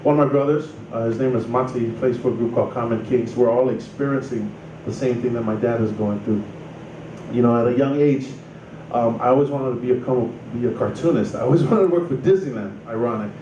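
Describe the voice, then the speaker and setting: A Samoan man in his thirties casually tells his life story in a loose, rambling way full of "you know" and "like." His voice is medium-pitched, mellow and brisk, with lo-fi sound from a roomy, distant mic with noise.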